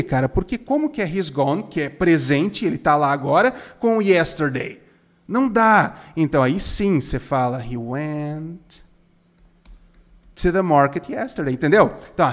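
A young man, teaching English grammar in a casual, emphatic way and often firing questions at the viewer. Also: on the high side. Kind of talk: casual spoken grammar lesson.

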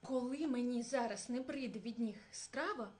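A woman voicing a fierce, hungry male bear who shouts threats. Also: fairly high pitch, normal speed, natural voice. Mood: angry.

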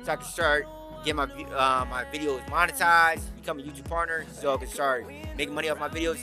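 A young gaming YouTuber, speaking fast in a slightly high voice with fairly even intonation, gives casual, energetic commentary and an outro from his bedroom over background music. He uses a headset mic and makes jokes about his own singing.

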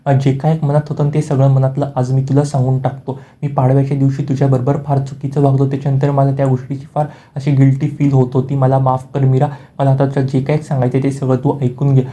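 A man's voice: mid-range voice, monotone, fast, few pauses, mellow, close to an everyday voice. A man voicing a worried, apologetic young man within a spoken serial recap. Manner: worried questioning.

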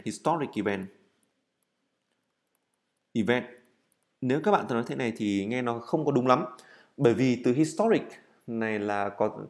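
A man teaching English in a recorded lesson, explaining step by step while writing, with frequent fillers and self-corrections, and drilling words by repeating them slowly. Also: medium pitch, darkish tone.

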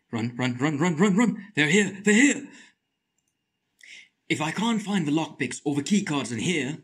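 A man with a slight lisp, giving excitable let's play commentary, muttering to himself and shrieking at wins and scares. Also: fairly high pitch, slightly rough. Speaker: gaming channel host.

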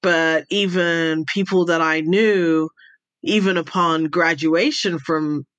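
Her voice is low-pitched and she takes her time, captured in a dry recording. This Jamaican woman, whose accent mixes American and British, is a guest in a video-call interview, laughing frequently as she tells lively, casual stories from her earlier life.

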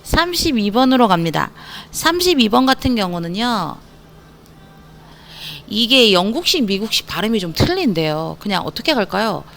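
A woman teaching English spelling to young students in an online lesson, playful and energetic, joking as she spells words out slowly. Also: medium pitch, creaky, a little hiss or hum. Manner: playful, energetic, self-mocking asides; slows down to spell letters out.

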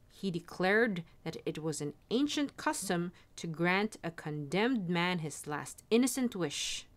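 A woman reading a fairy tale aloud in an expressive, animated storytelling manner. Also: medium pitch.

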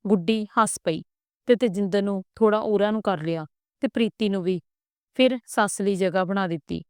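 A woman narrating a family story in a calm, even storytelling manner. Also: medium pitch, normal speed, smooth, dry recording, clean studio sound.

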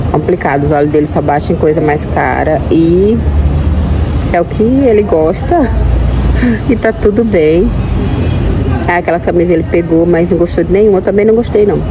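A woman's voice: lowish voice, noisy background. A woman vlogging casually on a phone, chatting straight to her viewers. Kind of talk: casual vlog chat to viewers. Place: outdoor restaurant seating. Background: loud music.

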